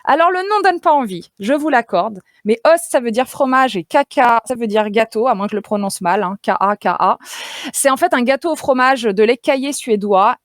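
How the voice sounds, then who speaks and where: Casting: higher-pitched woman, radio nutrition columnist, playful and chatty, dry studio sound. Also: no echo. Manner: chatty, playful, laughs easily, many fillers. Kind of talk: radio nutrition segment, lively explaining. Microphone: studio radio mic.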